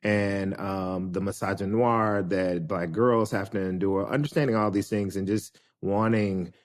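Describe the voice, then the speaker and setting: A man talking as a podcast guest, reflective and hesitant, pausing often with fillers as he thinks. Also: low-pitched, fairly even intonation. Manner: thoughtful, hesitant, many fillers. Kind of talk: reflective conversation.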